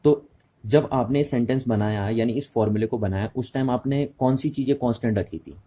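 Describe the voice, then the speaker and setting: A man teaches physics in a brisk, warm, mid-range voice, moving between Hindi and English. He takes care to repeat key words and confirm that the class is with him.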